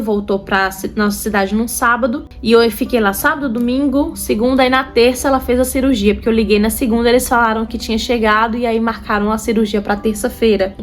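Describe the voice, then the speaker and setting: Emotional woman confiding her story. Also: a little high. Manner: emotional, confiding, addresses viewers as "gente". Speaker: vlogger mother. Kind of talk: personal storytelling vlog.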